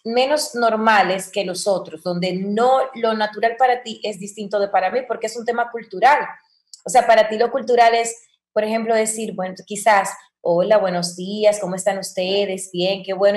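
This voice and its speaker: A woman, a voice-over coach, talking in a podcast interview and acting out quoted examples as she explains. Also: on the high side. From Dominican Republic. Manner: expressive, acts out quoted examples. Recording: roomy echo.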